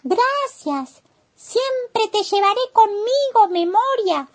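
A woman doing a tiny, squeaky, whispery snail. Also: big pitch swings, takes it slowly, full character voice. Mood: grateful. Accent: Argentine. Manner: soft, high, whispery and wondering. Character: small timid young male snail. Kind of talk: children's storybook reading.

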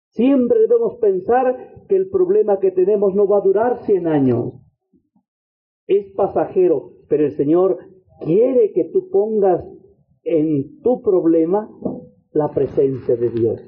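A high-pitched man delivers a fervent sermon, his voice rising and sinking as he leads repeated prayers. The sound is thin and tinny, like a phone line. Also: husky. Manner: fervent preaching, repeated invocations, swings between low and high pitch. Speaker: missionary preacher.

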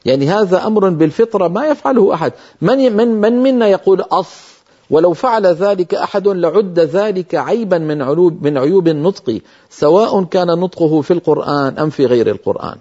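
A man's voice: high voice, lively intonation, fairly quick, mellow, highs cut off. An older man teaching Quran recitation in a TV lesson, explaining pronunciation patiently and emphatically while sounding out single letters.

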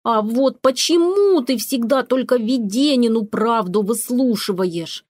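A woman voicing a squabbling male house cat who whines and shouts complaints, in a storybook reading. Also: fairly high pitch, lively intonation, slow pace. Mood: indignant.

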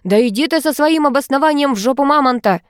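A woman voicing a hot-tempered, protective male cat familiar who shouts in indignant outbursts, as in an audiobook. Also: on the high side, animated, moderate pace, no echo, clean studio sound, close to an everyday voice. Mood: furious. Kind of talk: audiobook character voice.

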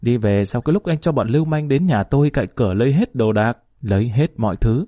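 A man voicing a fiery, sharp-tongued young woman in a spoken story. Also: medium pitch, expressive, fast talker, no room sound, clean studio sound, natural voice. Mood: defiant.

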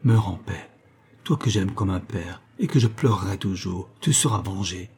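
A man reads a grief-stricken man vowing revenge in an audiobook. The voice is low, dark and husky, with an impassioned, anguished delivery. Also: normal speed, full character voice. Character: grieving young man swearing vengeance.

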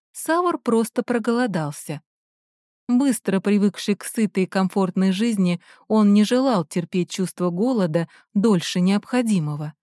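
A woman reading a first-person novel aloud in measured, even storytelling. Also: mid-range voice, no room sound, studio quality. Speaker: audiobook narrator. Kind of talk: first-person audiobook narration.

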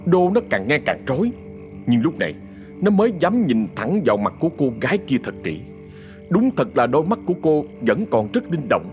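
A man narrating an audio ghost story in an expressive, dramatic storytelling manner. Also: on the high side, moderate pace, faint music behind.

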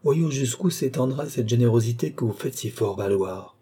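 A desperate young woman held captive lashes out with bitter, pleading protest, voiced by a male reader. The voice stays very dark and mellow with a husky grain underneath. It reads as storybook drama, tense and wounded. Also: medium pitch, animated, normal speed. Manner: bitter, pleading, rising into outbursts.

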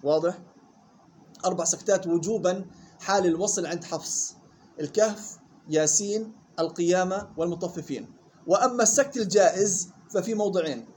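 A man leads a recitation class, his voice set fairly high for a man. He explains at a rapid clip, slowing right down to read rules and drill single syllables. A faint hum sits behind him. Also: darkish tone. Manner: reads rule text slowly, then explains in quick colloquial talk; drills syllables slowly and questions students. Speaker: Quran recitation teacher. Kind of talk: classroom lesson explaining a text.

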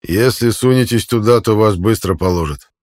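A man's voice: fairly low pitch, normal speed, darkish tone, dry recording, studio quality, lightly acted. A man voicing a very old male alien cook in an audiobook, eager and conspiratorial. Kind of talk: audiobook character voice.

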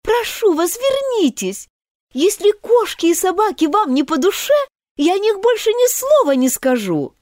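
A woman's voice: very high voice, big pitch swings, unhurried, a little mellow, no echo, studio quality, pitched above the performer's own voice, full character voice. A woman reading an audiobook and voicing Alice, a polite, chatty little girl who pleads and apologizes. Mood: pleading. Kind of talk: audiobook character voice.

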